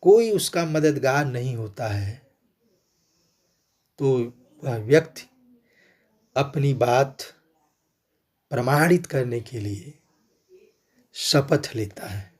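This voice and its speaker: Very slow, husky-voiced male teacher. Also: medium pitch, expressive, darkish tone. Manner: measured, explanatory, in short phrases. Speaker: literature teacher. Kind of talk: explaining a classic poem.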